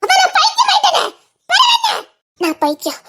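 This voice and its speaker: An actress voices a grieving young mother who has lost her child, her voice pitched very high and shrill. She has a Tirunelveli Tamil accent, and she breaks into bitter, tearful laughter and shouting as she accuses the people around her. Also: quick pace. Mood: hysterical, sobbing. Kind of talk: emotional web drama acting.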